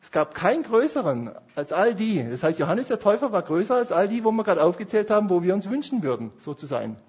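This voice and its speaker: A man preaching a sermon as pastor, passionate, swinging between hushed and emphatic delivery. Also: sits high, big pitch swings, fast, husky, lo-fi sound.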